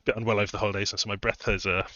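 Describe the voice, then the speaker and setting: A man's voice: on the low side, little pitch movement, racing, bright, forceful tone, dry recording, dull audio. A man chatting casually on a live stream, rambling through his points with fillers, a little out of breath. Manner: rambling, conversational, many fillers and restarts. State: a bit out of breath. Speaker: streamer and game modder.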